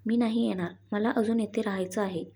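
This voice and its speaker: A woman's voice: mid-range voice, steady tone, a little fast, dark tone, breathy edge. A woman voicing a shy, stubborn young bride who sulks and pleads. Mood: sulky. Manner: sulky and pleading.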